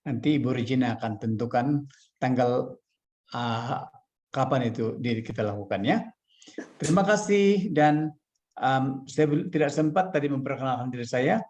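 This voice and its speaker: Priest from malaysia doing a devotional talk, mid-pitched voice, slow steady reading, muffled online call sound. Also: male voice.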